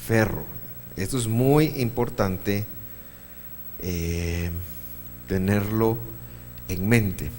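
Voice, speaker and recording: A man lecturing a church class at an unhurried pace, explaining each point patiently and putting questions to the room. His voice carries a long hall reverb over a faint background hum. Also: fairly low pitch, darkish tone. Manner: patient, explains step by step and quizzes the audience. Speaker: Bible class teacher.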